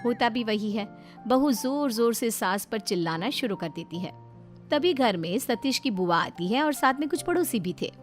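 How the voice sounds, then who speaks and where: A woman narrating a family drama story in a low, steady storytelling voice. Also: moderate pace, soft background music.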